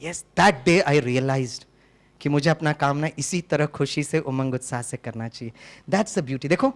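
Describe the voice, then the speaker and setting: A middle-aged man from Tamil Nadu, an engineering teacher giving a lively motivational talk to a live audience, switching between Hindi and English and acting out dialogues. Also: on the high side, a little slow. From Tamil Nadu, India. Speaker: engineering teacher and spiritual speaker.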